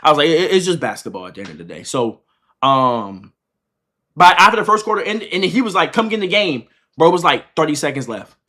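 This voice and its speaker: A high-voiced young male streamer in his twenties talks fast, telling a story to chat in casual reaction-stream fashion. He speaks with slang and swearing, retelling animatedly, repeating himself and acting out quotes. There's a little hiss or hum.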